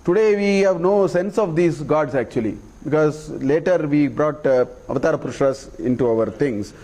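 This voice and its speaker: A man teaches a scripture class in a fairly high voice. He recites Sanskrit verses slowly and deliberately, then unpacks each one plainly for his listeners, often pausing to ask "okay?" before he moves on. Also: warm tone. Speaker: Vedanta teacher.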